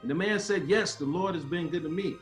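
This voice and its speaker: In a dramatic table read, a man plays an earnest baseball great who is also a father and civil rights speaker, delivering solemn oratory. His natural voice is a little high and a little fast, recorded with roomy echo and music behind him.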